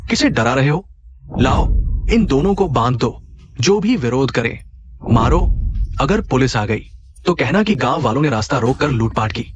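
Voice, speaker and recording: A man's voice: medium pitch, very animated, normal speed, pauses often, lo-fi sound, close to an everyday voice. Brief: male actor as a tough, mocking village father, swinging intonation. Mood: commanding. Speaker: father figure in a dubbed short drama. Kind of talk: Hindi drama dubbing.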